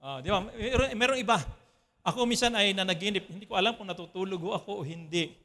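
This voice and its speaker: Male pastor from the Philippines, high bright voice, chatty sermon delivery that checks in with the congregation. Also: quick pace. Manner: conversational preaching with frequent "ano po" checks to the congregation. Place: church.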